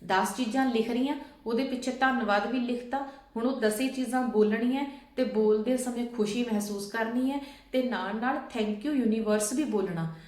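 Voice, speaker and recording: A woman's voice: on the high side, normal speed, a little mellow, reverberant. A woman vlogger patiently explaining steps and often checking that listeners follow. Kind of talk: casual instructional talk.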